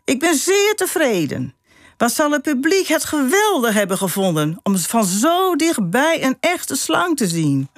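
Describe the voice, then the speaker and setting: An excitable male disco owner, as a woman reads him from her book, exclaiming well above her usual pitch. The delivery is lively and swooping. The studio sound is dry and close. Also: brisk, hardly any pauses, no echo, heavily acted. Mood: delighted.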